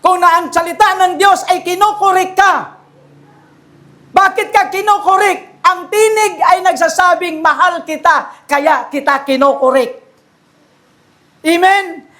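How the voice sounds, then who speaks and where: A woman's voice: very high voice, fairly bright tone. A woman with a Filipino accent preaching a sermon, switching between Tagalog and English and rising to emphatic calls.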